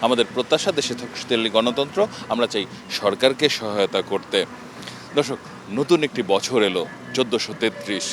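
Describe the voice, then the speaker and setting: A man hosting a street opinion program, presenting to camera in a brisk, formal announcer manner. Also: medium pitch, a little hiss or hum. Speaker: street interview host.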